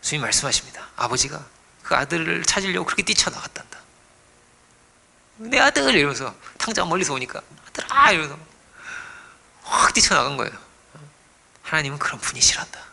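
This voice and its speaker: A man preaching a sermon as pastor, dropping to hushed whispers and rising to loud exclamations, often asking the congregation questions. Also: on the high side, lively intonation, quick pace, gravelly. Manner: dramatic swings between hushed whispers and raised exclamations; asks the congregation rhetorical questions.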